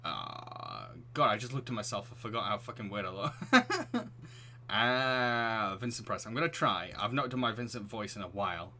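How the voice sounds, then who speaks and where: Chatty bright-voiced man streaming a game. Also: on the low side, wildly swooping pitch, moderate pace. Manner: chatty, restless, laughs often. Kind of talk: live-streamed game play with reading aloud.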